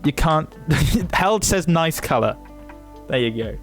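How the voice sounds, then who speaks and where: A man's voice: a little high, expressive, slow, soft background music. A young man, streaming from his desk and chatting casually, swearing freely and interrupting himself. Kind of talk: casual livestream chat.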